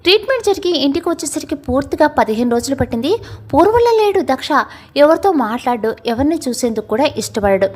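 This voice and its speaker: Lively high-voiced woman narrating a family story.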